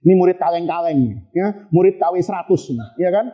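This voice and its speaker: A man's voice: high voice, fairly even intonation, a little fast, lo-fi sound. A male preacher telling a humorous story in a sermon, with jokey, slangy asides and frequent chuckles.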